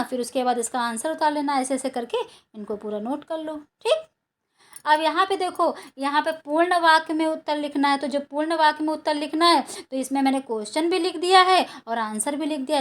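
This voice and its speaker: Lady teacher, high voice, patient, keeps repeating stuff for the kids. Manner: patient, repeats and rephrases for students. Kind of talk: explaining a school lesson to children.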